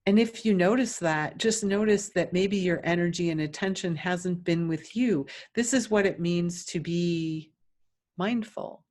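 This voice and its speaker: A woman whose voice sits on the low side leads a guided meditation. In the role of teacher, she gives soft, calming instructions broken up by long pauses between phrases.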